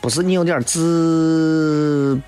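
A man's voice: on the high side, steady tone, slow pace. A man with a Shaanxi accent from Xi'an hosts a casual radio chat, reading out and answering listener messages in a playful, teasing, colloquial way. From Xi'an, Shaanxi, China. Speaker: radio show host. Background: background music.

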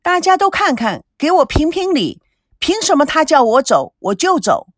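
A woman reading a novel aloud, voicing a proud, sharp-tongued young woman with indignant, quick retorts. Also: fairly high pitch, sing-song, dry recording, studio quality. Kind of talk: audiobook character voice.

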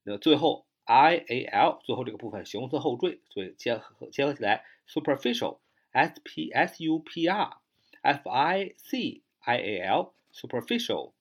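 Husky-voiced man teaching vocabulary. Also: medium pitch, big pitch swings. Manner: spells words letter by letter, frequent filler "啊"; slows down to read English example sentences. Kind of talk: explanatory lesson.

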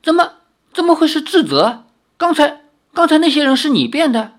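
A reader voicing a fiery, quick-tempered young swordswoman with sharp, high outbursts. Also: very animated.

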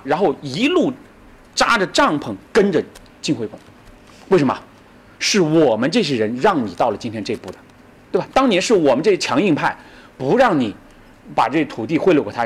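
A middle-aged man giving a lively storytelling lecture on ancient history, acting out quoted speech and often asking the audience to agree. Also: a little high, husky. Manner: animated, acts out quoted speech, many fillers like "对吧".

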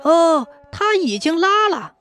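Storyteller voicing a flustered old steward, high, halting, exasperated, folk tale. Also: very animated, a bit bright, faint music behind, full character voice. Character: harried old male steward.

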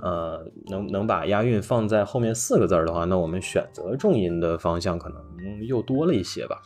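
A man with a very low voice talks at an easy, rambling pace on a chat podcast. He keeps stopping to fill gaps and restart his sentences. Faint music plays behind him. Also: a little fast. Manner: rambling, relaxed, many fillers. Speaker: podcast host. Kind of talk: casual chat about hip-hop.

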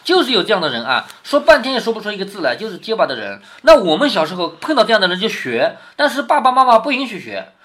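A man's voice: high-pitched, huge pitch swings, fast talker, few pauses, fairly bright tone. A man reading a classic novel to his daughter, stopping often to explain and ask her questions. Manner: explanatory, asks the listener questions. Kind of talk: storytelling with running commentary.

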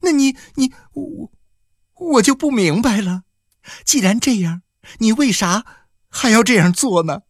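A man's voice: fairly high pitch, very animated, a little slow, pauses often, dry recording, clean studio sound, pitched above the performer's own voice. A man voicing a desperate village woman who pleads tearfully and insistently, in an audiobook. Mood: pleading. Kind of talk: audiobook character voice.

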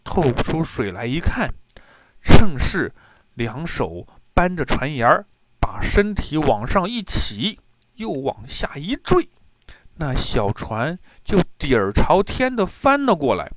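A man telling a traditional tale to children in an expressive, drawn-out storytelling manner. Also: a little high, dry recording.

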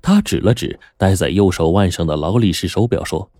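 A male storyteller narrating a mystery tale in a lively, expressive way. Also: deep voice, a little fast, dry recording. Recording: dry studio voice over faint music.

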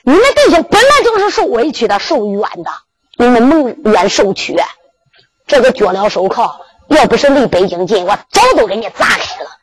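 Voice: medium pitch, sing-song, normal speed, poor audio. A storyteller with a Henan accent, chanting and narrating a Henan zhuizi tale.

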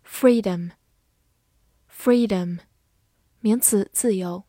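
A woman with Mandarin as her first language teaching English vocabulary in a scripted lesson, reading sentences slowly and spelling words letter by letter. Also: medium pitch, darkish tone, no room sound, clean studio sound. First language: Mandarin Chinese.

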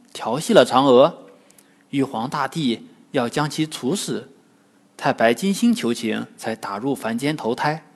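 A man narrating a classic tale for children in an expressive storytelling manner. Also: medium pitch, slightly rough. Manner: lively, expressive. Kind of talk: scripted narration.

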